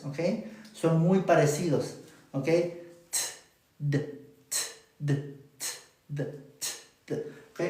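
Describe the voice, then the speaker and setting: A man's voice: sits high, darkish tone. A man teaching English pronunciation in a live stream, patient and repeating "ok?" to check in. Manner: patient, repeats "¿ok?" often, exaggerates sounds to demonstrate. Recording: very echoey room, voice a bit far from the mic.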